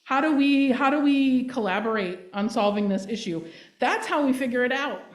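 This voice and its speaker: A woman's voice: high-pitched, normal speed. A woman giving a sermon as a guest minister, earnest and emphatic, checking in with the congregation as she speaks. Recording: roomy echo.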